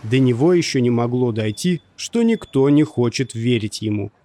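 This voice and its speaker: Sex: man. Role: narrator. Style: audiobook narration. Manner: steady, measured. Pitch: middle. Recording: dry, close. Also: dry recording.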